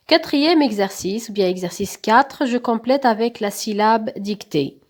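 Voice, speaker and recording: A woman teacher, correcting a primary school exam slowly and spelling out syllables and letters, with quick asides in Arabic. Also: fairly high pitch. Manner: switches into fast Arabic asides.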